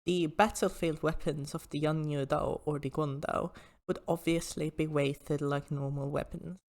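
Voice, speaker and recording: A woman's voice: deep voice, fairly even intonation, moderate pace, a little mellow. A woman hosting an informal explanatory history talk, with hesitant asides as she explains.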